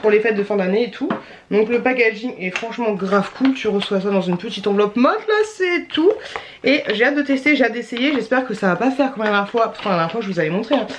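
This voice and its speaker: A woman's voice: on the high side, expressive, quick pace, a little hiss or hum. A young adult woman vlogging in a chatty, rambling way, full of slang and fillers. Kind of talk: casual chat.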